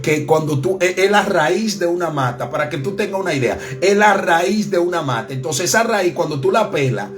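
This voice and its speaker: A man preaching a sermon with passion, swinging between soft, low passages and loud, climbing ones. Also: animated, brisk, hardly any pauses. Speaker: pastor. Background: faint music.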